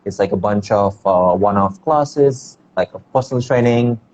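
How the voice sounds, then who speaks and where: A man from India, a dance teacher, speaking on a video call in a relaxed, rambling way full of "like"s. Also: on the low side, normal speed. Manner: relaxed, rambling, many fillers like "like". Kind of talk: casual video-call conversation. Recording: dull lo-fi video call audio with faint background noise.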